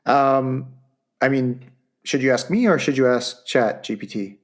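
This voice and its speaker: A man's voice: medium pitch, a little slow. A man co-hosting a casual podcast chat, playful and mock-grand, often laughing as he talks. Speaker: podcast co-host.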